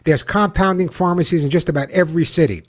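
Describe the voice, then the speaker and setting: Higher-pitched man hosting talk radio. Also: quick pace. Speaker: radio pet show host and caller adviser. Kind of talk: talk radio, advice and scripted sponsor reads.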